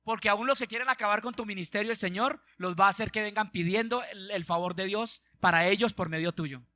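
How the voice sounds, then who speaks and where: A man's voice: high-pitched, a little fast, pushed and bright, no echo. A male pastor, preaching an emphatic call-and-response sermon.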